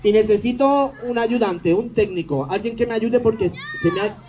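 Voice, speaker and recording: A man's voice: high-pitched, normal speed, a little mellow, rough recording. A man doing stage comedy, teasing the audience in a sarcastic, mock-grumpy way.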